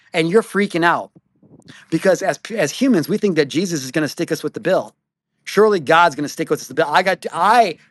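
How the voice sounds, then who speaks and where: A young man talking about his faith on a podcast, casual and slangy, speaking in quick bursts with frequent restarts. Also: fairly high pitch, fairly bright tone, dry recording, studio quality. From Mexico. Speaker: podcast guest sharing his faith testimony. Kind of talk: animated faith talk.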